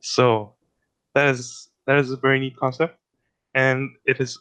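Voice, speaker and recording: A man's voice: mid-range voice, little pitch movement, a little slow, fairly bright tone, clean tone. A man giving a casual explanatory talk on linguistics, thinking aloud and correcting himself as he goes. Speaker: linguistics presenter.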